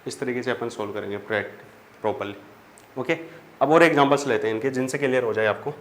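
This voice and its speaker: A man teaches a chemistry whiteboard lesson, explaining step by step, answering his own questions, and addressing his students as children. His voice is mid-range and fast, with faint background noise in the recording.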